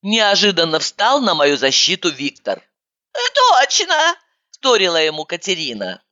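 Lively, animated woman narrating an audiobook. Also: low voice, normal speed, highs cut off. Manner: animated, comic, exasperated outbursts. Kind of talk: first-person audiobook narration.

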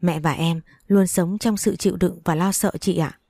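A hurt young wife who pours out her grievances in a plaintive way, as a woman narrator puts her on. The voice is low and mellow, in a dry, close recording. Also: fairly even intonation, moderate pace, no echo. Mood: confiding. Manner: plaintive, confiding. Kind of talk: audiobook story reading.

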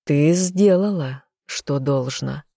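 A reader voicing a solemn goddess who speaks in a slow, measured, commanding way. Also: mid-range voice, vocal fry, warm tone, no echo, clean studio sound. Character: stern, solemn female goddess granting fates.

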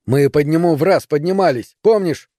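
Мужчина озвучивает властного торопливого парня. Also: male voice, a little high, normal speed, warm tone, no echo, clean studio sound, natural voice. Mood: urgent. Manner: urgent, commanding. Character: urgent, bossy young man taking charge.

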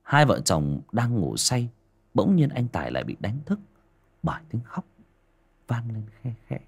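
A man's voice: mid-range voice, wildly swooping pitch, a little slow, gravelly, husky. A man narrating a spooky story as an audiobook, dramatic and building suspense.

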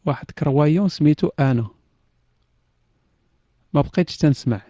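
A man with a Moroccan accent hosts an online voice chat room, teasing the people he talks to, laughing often, and slipping in French words. His voice is a little high, fairly quick, and warm, captured as dull, dry lo-fi audio with no room sound.

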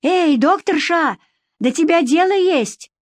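A woman voicing loud, blunt village women who shout in a shrill, drawn-out way in an audiobook. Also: no echo, studio quality. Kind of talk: audiobook narration.

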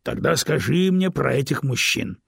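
Guy putting on an old stone voice, fussy and excited, husky and raised, dry sound. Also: fairly high pitch, a little slow, no room sound, voice pushed up, full character voice. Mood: eager, indignant. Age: older. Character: aging fussy male stone, eager and complaining. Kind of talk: audiobook character voice.

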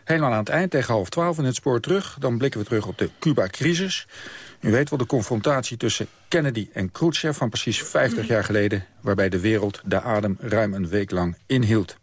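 A man's voice: on the low side, fairly quick, breathy edge, no echo. A man hosting a radio programme, presenting and introducing the topics to listeners. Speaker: radio host. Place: radio studio.

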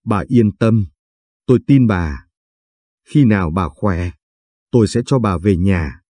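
A man reading the lines of a calm, kind female doctor who reassures her patient gently. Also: fairly low pitch, slow, dry recording, studio quality. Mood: reassuring.

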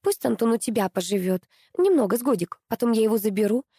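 Woman reader doing a selfish shrill young woman, whiny and demanding, raised pitch, mellow tone. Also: lively intonation, quick pace, breathy edge, dry recording, clean studio sound. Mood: pushy.

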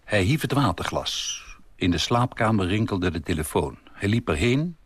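A man reading a literary story aloud for radio in a calm, measured way. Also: fairly low pitch, breathy edge, no echo. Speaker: reader.

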